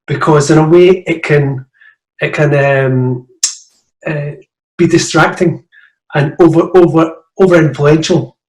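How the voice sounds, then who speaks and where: A man's voice: fairly high pitch, roomy sound, rough recording. A man with a Glaswegian accent asking a question over a video call, hesitant with many fillers. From Scotland. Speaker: audience member asking a question. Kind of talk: casual chat.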